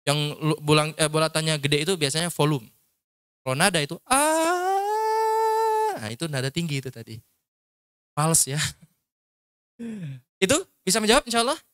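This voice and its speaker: A man's voice: on the high side, fairly quick, pauses often, fairly bright tone, no room sound, clean studio sound. A man teaching public speaking to a group in a casual workshop lecture, explaining points and demonstrating tones with his voice. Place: training session at an Islamic school.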